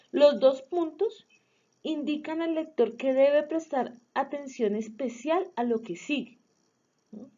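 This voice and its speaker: Woman going over grammar rules, slightly high mellow voice, some ums, kinda muffled recording. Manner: measured, explanatory, with hesitations and fillers. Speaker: student presenting a review video. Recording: dull lo-fi sound.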